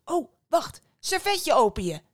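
A woman's voice: high voice, animated, moderate pace, no echo, voice pushed up. A woman playing a dim, fumbling boy. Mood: confused. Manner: fumbling, unsure of his words. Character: dim-witted, cheerful young boy. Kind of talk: storybook voice acting.

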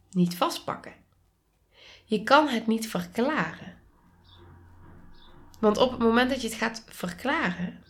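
Slow, soft-spoken Dutch woman. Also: fairly high pitch. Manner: slow, calm, soft-spoken, drops to whispers. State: sneezing. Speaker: podcast host and coach. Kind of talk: reflective solo podcast talk.

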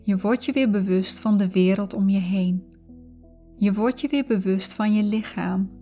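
A woman narrating a guided visualization in a calm, soothing, unhurried way. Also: medium pitch. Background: background music.

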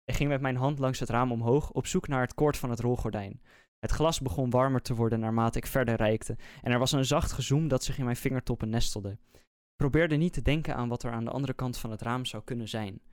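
A man, a podcast host, reading a scary story aloud in a slow, measured, suspenseful way. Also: medium pitch, a little mellow, clean tone, no room sound, clean studio sound. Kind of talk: scripted horror story narration.

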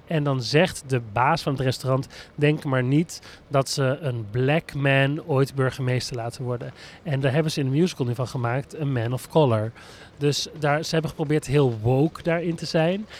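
A man co-hosting a casual chat, explaining at length with frequent hesitation fillers. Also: fairly high pitch. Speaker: podcast co-host reviewing a musical.

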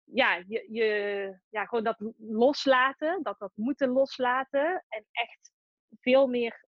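A woman's voice: a little high, takes it slowly, dry recording. A woman entrepreneur being interviewed, talking reflectively and often restarting her sentences as she searches for words. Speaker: guest, entrepreneur. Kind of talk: casual interview. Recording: dry, slightly dull recording.

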